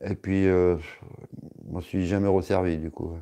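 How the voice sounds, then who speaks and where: A male streamer talks loosely to his viewers, filling gaps with hesitations and teasing jokes. His voice sits low and sounds deeply warm and dark. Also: little pitch movement, a little slow. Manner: rambling, joking, many hesitations. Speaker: live streamer reading chat. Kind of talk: casual live-stream chat.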